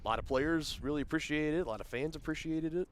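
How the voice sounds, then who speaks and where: A man doing play-by-play commentary for a high school baseball game, conversational and explaining rules at length. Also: fast, a little hiss or hum. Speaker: play-by-play announcer. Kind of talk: sports commentary.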